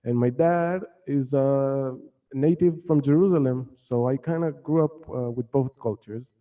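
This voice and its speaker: A man from Mexico, a guitarist, answering interview questions casually in a halting way with many fillers. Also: medium pitch, mellow. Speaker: guitarist and band member. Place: room in Jerusalem.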